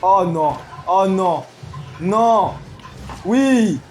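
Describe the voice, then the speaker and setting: A gamer commenting live on an online match, excitable, swinging from low mutters to loud outbursts. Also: extremely slow, a little hiss or hum. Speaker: gaming commentator.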